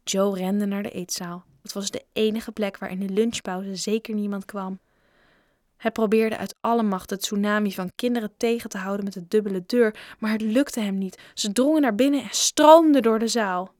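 A woman narrates a children's storybook with lively expression. Her voice sits in the middle range and the recording is dry and close. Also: medium pitch, normal speed, dry recording. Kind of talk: storybook reading.

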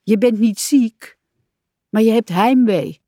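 A bossy, adventure-hungry rat, as a woman puts him on in a storybook, raised in pitch and pushing loudly. He talks sternly and impatiently, slow and close in a dry sound. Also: no room sound.

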